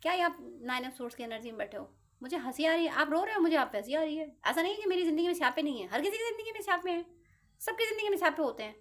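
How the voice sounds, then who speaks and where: High-voiced chatty woman tarot reader. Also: animated, a bit bright. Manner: chatty, playful, with quick acted-out asides. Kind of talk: casual motivational talk to viewers.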